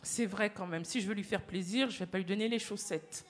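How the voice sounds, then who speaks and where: A woman voicing an excited eight-year-old girl who shrieks and calls out eagerly in a storytelling voice. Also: mid-range voice, a little fast, voice pushed down, lightly acted. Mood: thoughtful.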